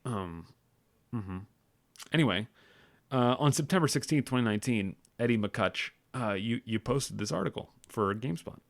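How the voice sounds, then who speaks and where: Podcast host, male, casual news reader with a lively pitch and sarcastic asides. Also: normal speed, creaky. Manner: reads figures aloud, then riffs with sarcastic asides; self-deprecating, stumbles and corrects himself.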